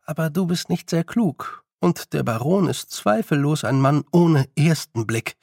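Picture a young witch girl in a storybook, calm and firm, issuing quiet commands and warnings, as a male reader puts her on. The voice is gravelly at the bottom and fairly high, recorded close and dry with no room sound. Every phrase is measured and stern. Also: no room sound. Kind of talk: audiobook character voice.

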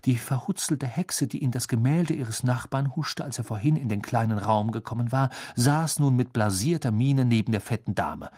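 Mann liest dramatisch vor, rau, nah am mikro, kein hall. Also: male voice, medium pitch, moderate pace, few pauses, slightly rough, clean studio sound. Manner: expressive, dramatic storytelling. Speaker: audiobook narrator. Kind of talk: scripted audiobook narration.

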